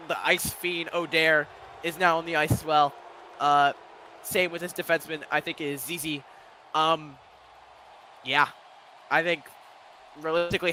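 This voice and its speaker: Excitable high-voiced male commentator. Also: a little hiss or hum. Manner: excitable, rapid-fire calls with loud bursts. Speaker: play-by-play commentator. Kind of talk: live game commentary.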